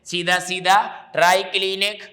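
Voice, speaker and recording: A man's voice: sits high, level tone, unhurried, sharp tone. A man teaching a chemistry revision lecture, repeating key terms and explaining them patiently to his students.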